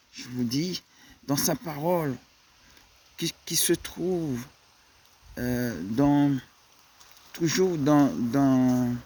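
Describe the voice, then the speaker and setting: Slow, halting French-speaking male preacher. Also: fairly high pitch, darkish tone, slight background noise. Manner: slow, halting delivery with repeated words. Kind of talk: sermon.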